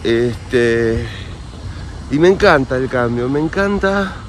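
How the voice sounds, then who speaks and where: This man's medium-pitched voice has lively intonation, though he takes things slowly. He is a vlogger in his forties with an Argentine Spanish accent, chatting and confiding directly to viewers while walking city streets and a park and later sitting in a café. The phone camera at arm's length records plenty of street and traffic noise.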